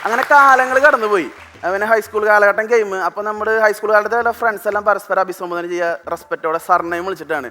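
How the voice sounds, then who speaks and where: A young stand-up comedian from Thrissur, Kerala, performs on a TV studio stage, talking fast in a high-pitched voice with rapid, animated storytelling and mimicked voices. His stage mic catches music and a live audience, plus a faint crowd and slight background noise.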